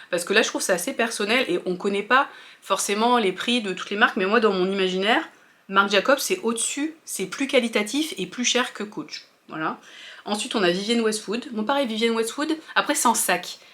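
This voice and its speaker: A woman's voice: medium pitch, a bit bright. A French woman talking casually to her viewers as a fashion vlogger, chatty and hesitant with many fillers and restarts. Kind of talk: casual opinion chat to viewers.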